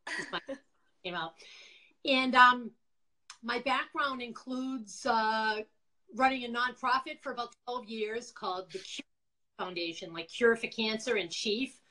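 Over a video call from indoors, a middle-aged Boston-accented woman from Quincy, Massachusetts, a former nonprofit founder, talks freely as an interview guest about her own life. Her pitch is fairly high, her pace measured and her tone sharp, and the recording is low quality.

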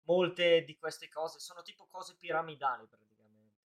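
A man with a somewhat high voice rambles through a casual live-stream chat. He thinks aloud, breaking off and restarting his sentences as he works out his point. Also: fairly even intonation, moderate pace, fairly bright tone.

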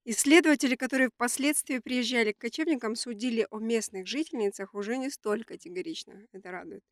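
A woman's voice: a little high, fast talker, dry recording, studio quality. A woman co-hosting a conversational podcast, sounding nasal with a stuffy nose from a cold. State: has a cold. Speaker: podcast co-host. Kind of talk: conversational podcast discussion with prepared facts.

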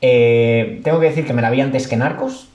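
A man's voice: mid-range voice, moderate pace, darkish tone, dull audio. Rambling man in echoey room. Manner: rambling, filler-heavy storytelling. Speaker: podcast guest. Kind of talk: casual podcast chat.

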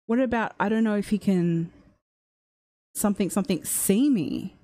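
The sound is clean and dry, studio quality. At normal speed, a woman streamer with a mellow, medium-pitched voice thinks out loud while deciphering a recording, pausing uncertainly over phrases.

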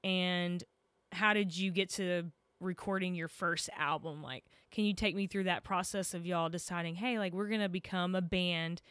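A woman's voice: lowish voice, steady tone, normal speed, fairly bright tone, clean tone, no room sound. A woman with a Texan accent co-hosting a podcast, asking long rambling questions in a friendly, apologetic way. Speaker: podcast co-host. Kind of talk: casual interview questions.

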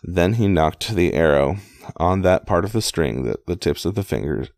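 Very deep, gravelly man reading aloud. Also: lively intonation, darkish tone, no room sound, clean studio sound. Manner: halting reading with restarts and offhand asides. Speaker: amateur reader. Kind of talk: casual read-aloud storytelling.

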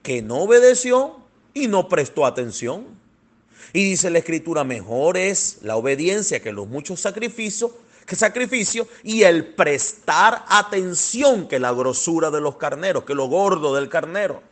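A man preaching a fervent sermon, calling his listeners beloved and swinging between soft passages and loud, thundering ones. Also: fairly high pitch, animated, a little slow. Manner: fervent, addresses listeners as "amado".

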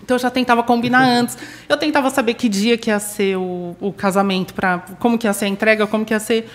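A woman's voice: on the high side, fairly even intonation, fast. A woman chatting casually on a podcast, telling a story and acting out the dialogue. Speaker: guest, bouquet preservation artisan.

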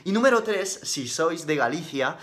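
Spanish guy doing a live q&a, slangy and upbeat, kinda high bright voice. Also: animated, normal speed. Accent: Spain Spanish. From Madrid, Spain. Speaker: fitness live-stream host. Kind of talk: casual live-stream Q&A.

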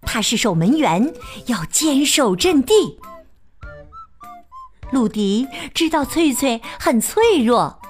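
Lively woman reading a children's story. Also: high-pitched, takes it slowly, soft background music. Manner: expressive, playful storytelling.

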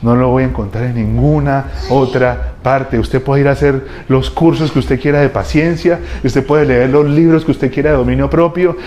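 A man preaching a sermon as a pastor, telling lively, humorous stories full of slang. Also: fairly high pitch, slight background noise.

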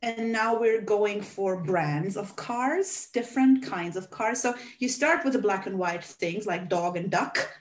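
A woman's voice: mid-range voice, unhurried, few pauses. A woman with a Hungarian accent, a native Hungarian speaker, explaining things emphatically in a casual discussion.

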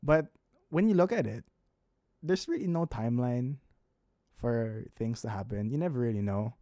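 A man's voice: medium pitch, expressive, normal speed, dark tone, no room sound, clean studio sound. A man in his twenties, co-hosting a casual chat about a drama with an easygoing, upbeat manner. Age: 20s. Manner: easygoing, laughs often, upbeat. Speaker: podcast co-host.

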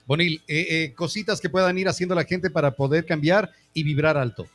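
A man's voice: a little high, fairly even intonation, a little fast, a bit bright. A man hosting an interview, asking questions with short, encouraging prompts. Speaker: podcast host.

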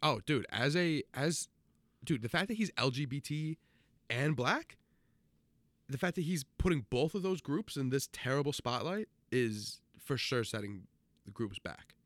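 Dude cracking jokes and swearing on a podcast, middle pitch, dead dry room. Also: male voice, animated, a little slow, a bit bright, no room sound. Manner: profane, joking, emphatic. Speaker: podcast co-host. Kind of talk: casual chat.

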